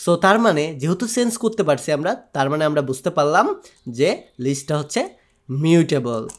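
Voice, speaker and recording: A man's voice: fairly high pitch, very animated, moderate pace. A man from Bangladesh with a Bangladeshi Bengali accent, teaching programming in a coding tutorial. He explains step by step and mixes English technical terms into his Bengali. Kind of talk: screen-share coding tutorial.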